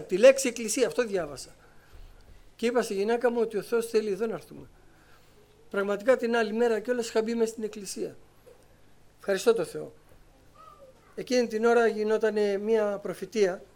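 A middle-aged man giving a personal testimony to his congregation as a lively storyteller who acts out the conversations he recounts. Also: high voice. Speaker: church member giving testimony.

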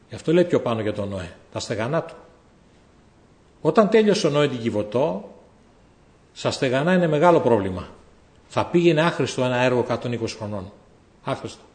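A man preaching a sermon, telling a story and swinging between loud exhortation and low, quiet asides. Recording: echoey hall.

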